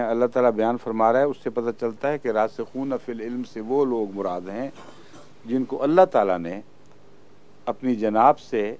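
A man's voice: medium pitch, a little mellow. A man giving a religious lecture, reciting verses and explaining their meaning. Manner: explanatory, recites Arabic verses then translates. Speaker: Quran commentator. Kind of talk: religious lecture on Quran exegesis.

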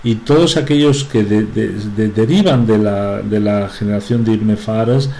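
A man giving a religious talk in a halting way, with frequent restarts and filler sounds. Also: lowish voice, gravelly, warm tone, low-quality recording. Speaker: religious speaker.

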